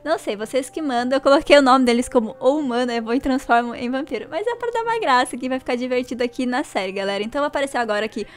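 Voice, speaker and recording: Brief: young woman host, excitable gaming chatter, high pitch. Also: rapid-fire, hardly any pauses. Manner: chatty, excitable, addresses viewers as gente. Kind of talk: casual let's play commentary.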